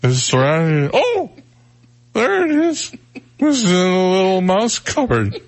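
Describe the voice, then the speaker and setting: A man's voice: high-pitched, wildly swooping pitch, voice pushed up, full character voice. A man voicing a drunk male mouse who talks in a manly, slurred voice. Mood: bemused. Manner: slurred, slow, wondering aloud.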